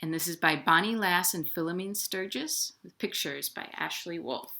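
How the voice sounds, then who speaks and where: Indoors at home, a children's librarian hosts storytime, playfully reading sing-song rhymes and talking directly to young kids. Her voice is on the low side with vocal fry and a sharp tone, and she keeps a moderate pace.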